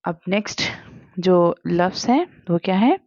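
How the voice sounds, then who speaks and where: A woman's voice: lowish voice, expressive, a little slow, darkish tone, dry recording, muffled recording. Woman teacher patiently spelling out Arabic letters. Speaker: Quran reading teacher. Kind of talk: step-by-step spelling lesson.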